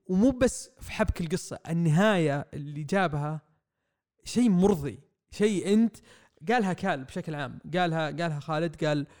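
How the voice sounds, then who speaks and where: A young man, rambling excitedly through a comic review on a podcast mic. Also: fairly high pitch, fairly quick. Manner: excitable, rambling, acts out quotes. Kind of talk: casual podcast review chat. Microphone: podcast microphone.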